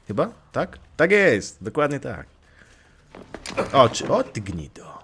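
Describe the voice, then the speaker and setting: A man's voice: mid-range voice, huge pitch swings, slow pace, fairly bright tone, a little hiss or hum. A young man casually commenting on his gameplay, joking, swearing lightly and talking back to the game characters. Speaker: let's play gamer.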